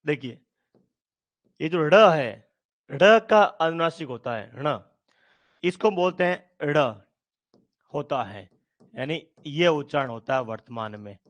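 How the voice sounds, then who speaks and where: A male teacher giving a phonetics lesson, asking questions and answering them himself, repeating sounds slowly. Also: fairly high pitch, lively intonation. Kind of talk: Hindi grammar lesson.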